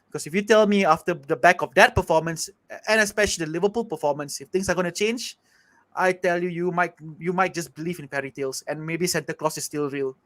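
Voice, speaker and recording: A man's voice: a little high, quick pace, a bit bright. A man with a Malaysian English accent giving an emphatic, exasperated fan's rant on a football panel show. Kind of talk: passionate fan rant.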